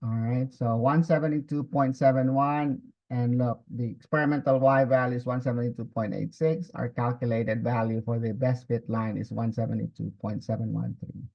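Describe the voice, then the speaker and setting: A man's voice: mid-range voice, fairly even intonation, normal speed, creaky. A man instructing in a step-by-step spreadsheet tutorial, dictating formulas piece by piece and checking in with learners. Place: screen-recorded lesson at a computer. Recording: slightly dull, muffled audio.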